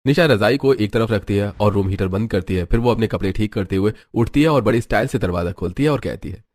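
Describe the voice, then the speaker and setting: A man's voice: fairly low pitch, quick pace, a little mellow, no echo, studio quality. A man narrating a cartoon story in a plain, scripted storytelling style.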